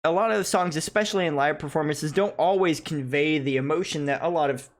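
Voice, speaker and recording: Thinking out loud in a halting manner, a native English-speaking man reacts to music as the host of a reaction video, offering casual but analytical remarks. He speaks with a fairly high pitch.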